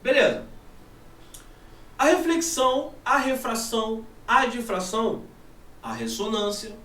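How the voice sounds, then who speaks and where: Animated Brazilian teacher, echoey room. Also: male voice, very high-pitched, unhurried. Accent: Brazilian Portuguese. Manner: animated, asks and answers his own questions. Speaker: physics teacher. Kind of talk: classroom lesson. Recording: echoey room from a distant mic, faint ambience.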